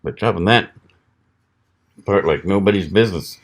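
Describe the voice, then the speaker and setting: A middle-aged man from the American South talks through a knife test in a casual, folksy vlog. His voice sits low and unhurried as he thinks aloud between cuts. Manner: relaxed, folksy, thinking aloud while cutting. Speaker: knife reviewer.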